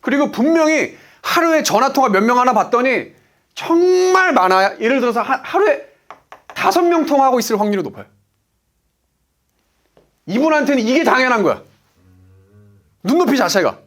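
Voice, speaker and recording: Speaking at normal speed but pausing often, a man in his forties coaches through an emphatic motivational business talk. His extremely high voice swings widely in pitch with a fairly bright tone, and he answers his own rhetorical questions.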